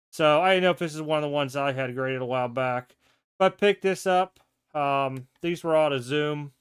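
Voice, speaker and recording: At a home desk lined with card displays, a man with a fairly high, clean-toned voice casually shows off the trading cards that came in his mail. This sports card collector keeps it relaxed and chatty in his show-and-tell vlog, thinking aloud and correcting himself as he goes.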